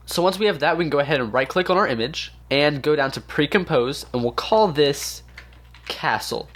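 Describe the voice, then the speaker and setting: A man with a sick voice, casually walking viewers through a software tutorial with lots of filler words. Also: fairly high pitch, animated, moderate pace. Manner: casual, easygoing with frequent fillers. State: sick, congested voice. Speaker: tutorial host. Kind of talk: screen-recorded software tutorial.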